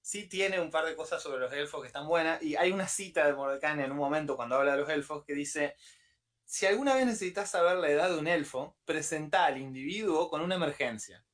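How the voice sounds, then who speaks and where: A man, co-hosting a casual podcast, agreeable and quick with short replies. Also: on the high side, a bit bright. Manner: agreeable, backchannels often. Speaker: podcast co-host. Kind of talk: casual chat.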